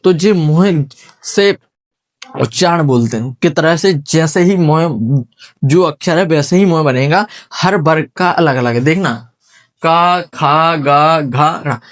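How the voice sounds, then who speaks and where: A man's voice: a little high, unhurried. A man teaching a classroom lesson at a whiteboard, sounding out syllables one by one and quizzing his students.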